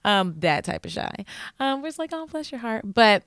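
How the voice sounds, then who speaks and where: A woman's voice: a little high, very animated, normal speed, a bit bright, clean tone, no room sound, studio quality. A young woman, a singer chatting as a guest in a bubbly, talkative way with frequent laughter. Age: 20s. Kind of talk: casual chat.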